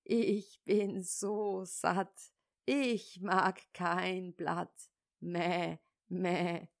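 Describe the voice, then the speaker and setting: A sly nanny goat bleats and whines her lies from the stable, as a woman reading a storybook puts her on. She talks slowly and drags out every bleat. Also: on the low side, fairly even intonation, vocal fry, full character voice. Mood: smug contented. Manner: bleating, whiny complaint. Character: deceitful bleating female goat. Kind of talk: storybook fairy-tale reading.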